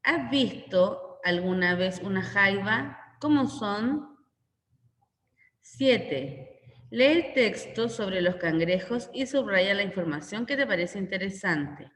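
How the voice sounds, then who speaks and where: Chilean lady teacher, slow and patient, rephrases every question, echoey room. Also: medium pitch, a bit bright. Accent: Chilean Spanish. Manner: instructional, repeats questions and explains. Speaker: primary school teacher. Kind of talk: recorded class walkthrough. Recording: echoey room with long reverb.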